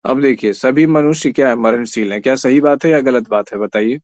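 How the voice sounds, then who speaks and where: A man's voice: medium pitch, brisk, a little mellow, no echo. A man gives an online exam-prep lecture in a mid-range voice. He works through each point patiently, throws questions to his students and slips English terms into his explanations. The sound is close and dry, with a slightly muffled, lo-fi quality. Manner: explains step by step, quizzes students, often says "theek hai". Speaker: teacher. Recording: slightly dull lo-fi recording.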